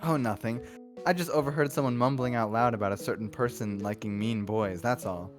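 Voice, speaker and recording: A soft-spoken young violinist teases and calmly coaxes her student along, as a man reads her part in his own voice. Her tone is gentle and instructive, the words read aloud from a visual novel. Game music plays steadily in the background. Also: mid-range voice, fairly quick, natural voice. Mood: teasing.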